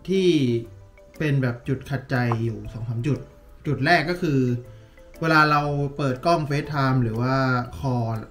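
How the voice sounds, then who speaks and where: A man's voice: medium pitch, a little slow, faint music behind. A man talking casually as he unboxes and reviews a tablet case, thinking aloud with lots of fillers. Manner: relaxed, chatty, thinking aloud with many fillers.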